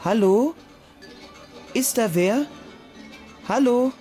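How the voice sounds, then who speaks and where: An actress playing a timid, polite child who is frightened, speaking hesitantly and pleading in a radio drama. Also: female voice, medium pitch, expressive, takes it slowly. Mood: timid, puzzled. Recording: music under the voice.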